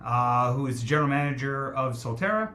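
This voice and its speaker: A man moderates an online community town hall on a video call, warmly welcoming people and peppering his speech with ums and uhs. His mid-range voice is sharp in tone, lively in intonation and a little fast, with faint music in the background.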